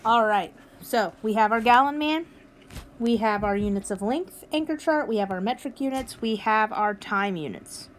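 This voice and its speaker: A woman's voice: on the high side, animated, moderate pace, a little hiss or hum. A woman teacher recording a math lesson for her students, upbeat and encouraging as she walks them through each step. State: has the hiccups. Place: at home with her dog nearby.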